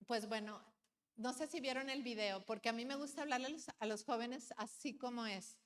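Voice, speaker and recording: A woman addresses a conference crowd in an earnest, plain storytelling voice, pitched a little high. Her words carry a long reverb from the large hall. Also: fairly quick. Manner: earnest, plain storytelling with direct questions to the audience. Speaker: conference speaker. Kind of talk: personal testimony talk.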